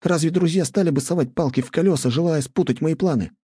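A man voicing a defiant, hot-headed young man in an audiobook, with a husky voice. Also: medium pitch, brisk, warm tone, no echo, studio quality, pitched above the performer's own voice, lightly acted. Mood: indignant. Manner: defiant, heated.

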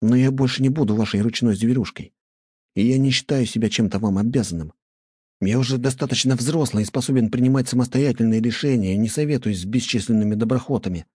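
A hot-headed youth from a storybook reading, voiced by a man with a husky, dark-toned voice raised above his narration. He speaks with heated defiance and pride. The sound is dry and close. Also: mid-range voice, a little fast, dry recording, voice pushed up, natural voice. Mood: defiant.

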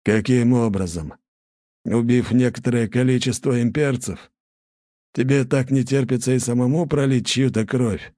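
A man's voice: medium pitch, normal speed, warm tone, no room sound, clean studio sound, voice pushed up, lightly acted. A man voicing a weary, sardonic older man in an audiobook. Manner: sardonic, rueful.

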